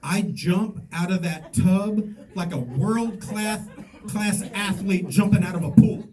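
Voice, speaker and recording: Mellow-voiced man telling a rambling comic story. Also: high-pitched, takes it slowly. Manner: rambling anecdotal delivery with self-mocking asides. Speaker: stand-up comedian. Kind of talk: stand-up storytelling. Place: comedy stage before a live audience. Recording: voice somewhat distant from the mic with faint room ambience.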